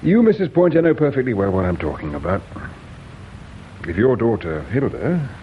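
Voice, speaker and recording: An actor playing a patient provincial police inspector who questions people gently and measuredly in a radio drama. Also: male voice, medium pitch, big pitch swings, slight background noise, natural voice. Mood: probing. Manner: measured, gently probing, hesitates with "uh". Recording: dull lo-fi radio recording.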